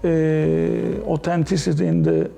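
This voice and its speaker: A man from Turkey with a Turkish accent, a guest on an interview show, speaking earnestly with halting fillers. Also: on the high side, steady tone, vocal fry, warm tone, soft background music. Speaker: guest entrepreneur. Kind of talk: casual interview talk.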